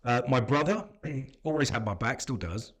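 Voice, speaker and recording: A man's voice: mid-range voice, lively intonation, moderate pace. A middle-aged man talking as a podcast guest, reflective and telling stories in casual conversation. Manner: reflective, storytelling.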